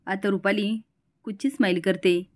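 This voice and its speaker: A woman hosting a TV serial recap, telling the episode in brisk storytelling style and reading out the dialogue. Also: medium pitch, steady tone.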